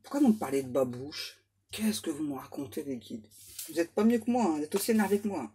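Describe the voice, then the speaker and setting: A woman's voice: low-pitched, expressive, fast, dark tone, husky. A woman medium giving a casual oracle card reading, chatty and self-mocking as she banters aloud with her spirit guides.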